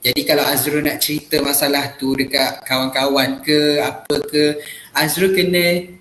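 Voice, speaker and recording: A man's voice: a little high, level tone, normal speed, a bit bright, reverberant, a little hiss or hum, low-quality recording. A man playing a teacher, explaining patiently with lots of filler sounds. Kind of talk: classroom role-play lesson.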